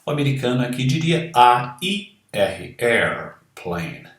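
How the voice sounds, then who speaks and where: A man with a Brazilian Portuguese accent giving an online English lesson, explaining words slowly and spelling out letters. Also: mid-range voice, sing-song, roomy sound, far from the mic. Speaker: English teacher.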